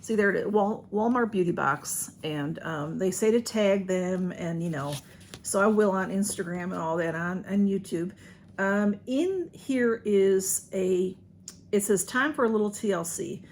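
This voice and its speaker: A woman's voice: mid-range voice, unhurried. An American woman chatting casually to viewers as she unboxes, folksy and rambling, with slightly slurred speech. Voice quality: slightly slurred speech from a sore tongue or mouth. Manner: folksy, rambling, says y'all often. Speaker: vlogger doing a beauty box unboxing. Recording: faint background room noise.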